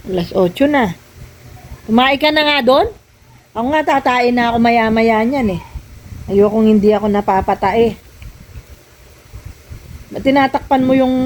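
A woman's voice: on the high side, a little mellow, rough recording. An older woman vlogging at home, nagging and scolding a younger relative in casual talk. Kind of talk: casual family vlog, scolding.

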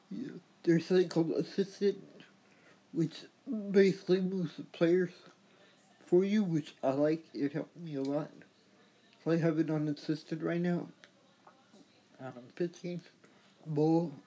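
Slow, husky middle-aged man. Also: a little high, mellow. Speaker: host showing a mobile game. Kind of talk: gameplay demonstration commentary.

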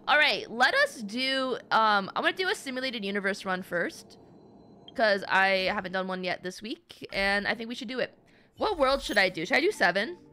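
This game streamer talks at an ordinary speed in a mid-pitched voice, keeping up a playful, lively chat with her audience over gameplay. Game music runs underneath while she addresses everyone as "guys" and "gamers."

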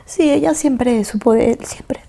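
A Mexican woman, a guest actress, telling a personal story softly and haltingly, her voice often sinking toward a whisper. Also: high-pitched, creaky.

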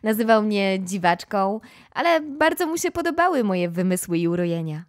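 Imaginative little girl, playful storyteller, woman reader, mid-pitched. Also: very animated, moderate pace, dry recording, studio quality, close to an everyday voice. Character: imaginative, kind young girl. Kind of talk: audiobook reading.

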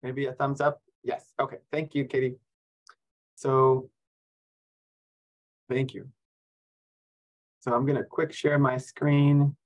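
A man's voice: medium pitch, level tone, takes it slowly, pauses often, low-quality recording. Ecuador-born man giving a seminar talk. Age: 40s. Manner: friendly, explanatory, light self-deprecating humor. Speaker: guest speaker, fisheries biologist. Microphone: video call.

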